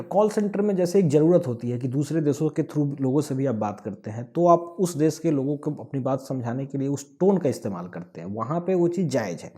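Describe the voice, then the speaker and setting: A man's voice: mid-range voice, warm tone. A man from Bihar with a Bihari accent, giving an earnest explanatory talk point by point. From Bihar, India. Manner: earnest, points listed one by one. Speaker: speaker of a language-awareness movement.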